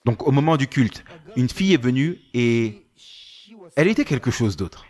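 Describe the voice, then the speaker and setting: A man's voice: medium pitch, lively intonation, normal speed, darkish tone. A male preacher telling a story in a sermon, acting out the dialogue with animation.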